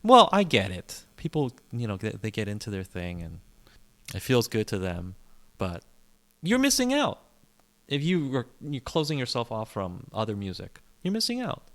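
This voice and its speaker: On this casual podcast, the male co-host has a lowish voice with wildly swooping pitch and talks at a normal speed. English is his first language, and he rambles and airs opinions, often repeating himself and starting sentences over.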